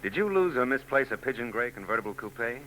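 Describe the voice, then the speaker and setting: In a 1940s radio drama, an actor plays a hard-boiled private eye who narrates and trades wisecracks, sounding sardonic, dry and wisecracking. His mid-range voice is very animated, fairly quick and a bit bright. The rough recording is old radio broadcast tape with faint noise.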